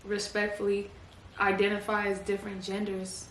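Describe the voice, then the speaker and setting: A woman's voice: mid-range voice, monotone, normal speed, a bit bright. A woman hosting a casual podcast chat, talking bluntly and profanely with a joking edge. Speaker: podcast host. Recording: echoey room, mic at a distance, faint noise.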